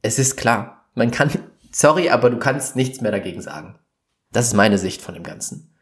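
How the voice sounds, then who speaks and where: A man in an impassioned monologue to camera, earnest and emphatic, pausing for weight and bursting into exasperation. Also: medium pitch, expressive. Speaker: vlogger.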